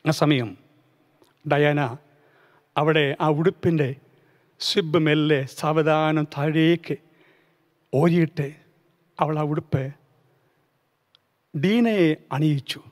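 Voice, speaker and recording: A male pastor narrating a children's church story dramatically, slowing down at key moments. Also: a little high, fairly even intonation. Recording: reverberant hall.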